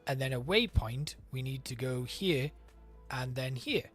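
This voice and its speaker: A man's voice: medium pitch, animated, unhurried, a bit bright, soft background music. Chatty man narrating his gameplay. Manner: chatty, thinking aloud while playing. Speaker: game streamer. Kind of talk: let's play commentary.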